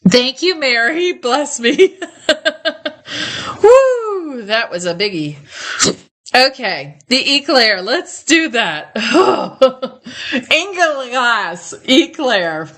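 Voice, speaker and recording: A woman's voice: on the high side, big pitch swings, takes it slowly, bright, forceful tone. A middle-aged woman hosting a live online ornament sale, chatting casually and enthusiastically and often laughing, close to the mic. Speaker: host of a live ornament sales show. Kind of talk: casual live sales chat. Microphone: close mic, live stream.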